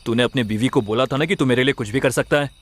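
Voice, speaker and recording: A man's voice: medium pitch, fast, close to an everyday voice. A male dub actor playing a blunt, impatient young man giving short orders in a dubbed film. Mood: curt. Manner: curt, commanding. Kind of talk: Hindi film dub acting.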